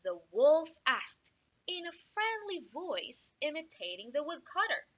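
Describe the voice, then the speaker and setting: An English tutor telling a fairy tale to learners, slowly and expressively. Her voice is high and bright, and her pitch swoops a lot. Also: lo-fi sound. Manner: slow, clear and expressive.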